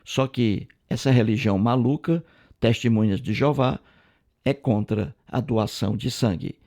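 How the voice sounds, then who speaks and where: A man's voice: mid-range voice, a little slow, darkish tone. A man from Brazil with a Brazilian Portuguese accent, commenting on viewer messages in a repetitive, emphatic lecturing way. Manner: repetitive, emphatic, lecturing, heavy use of fillers. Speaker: video commentator.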